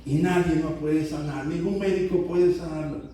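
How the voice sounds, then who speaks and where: A man's voice: a little high, fairly even intonation, normal speed, warm tone, slight background noise. A man preaching a sermon as pastor, asking the congregation rhetorical questions. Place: church sanctuary. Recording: echoey church from a distance.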